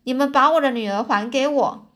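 A woman voicing a skeleton demon disguised as a grieving old woman, wailing loudly in a children's storybook reading. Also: sits high, fairly quick. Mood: accusing. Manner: wailing, loud.

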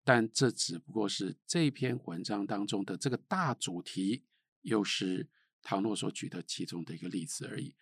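Husky, gravelly man lecturing on books. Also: on the low side, lively intonation, moderate pace, fairly bright tone, no room sound, studio quality. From Taiwan. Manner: emphatic, rises and falls sharply, rhetorical questions. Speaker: literature lecturer. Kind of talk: spoken lecture on literature.

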